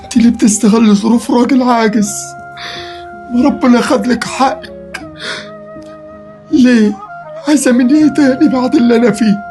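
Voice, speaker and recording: A woman plays a frail old father-in-law with an Egyptian accent, reproaching his daughter-in-law. The voice sits a little high, and soft music runs under it in this comedy sketch. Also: a little fast, pauses often, lightly acted. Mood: plaintive. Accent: Egyptian Arabic. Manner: plaintive, reproachful.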